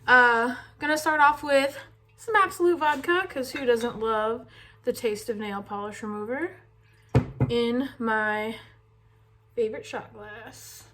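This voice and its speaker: Young female beauty vlogger, fairly high voice, casual, self-deprecating. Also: takes it slowly, bright, forceful tone, slight background noise. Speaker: makeup vlogger. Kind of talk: casual chat to viewers.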